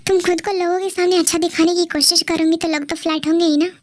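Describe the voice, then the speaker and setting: A woman's voice: very high-pitched, level tone, fast talker, no echo, studio quality. A woman voicing a possessive, impatient young man in love, in a pushy and demanding way.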